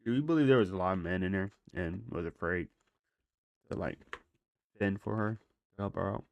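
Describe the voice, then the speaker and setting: A low-pitched American man with a dry, close sound reacts casually to footage. He talks in slang, asks questions out loud and muses as he goes. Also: normal speed, creaky, dry recording, muffled recording. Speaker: commentator reacting to video footage.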